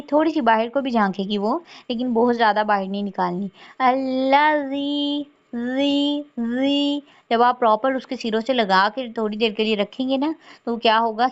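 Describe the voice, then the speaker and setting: A woman teaching Quran recitation rules patiently, saying words slowly and repeating them. She often checks in with "theek hai" and. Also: on the high side. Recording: dull lo-fi sound.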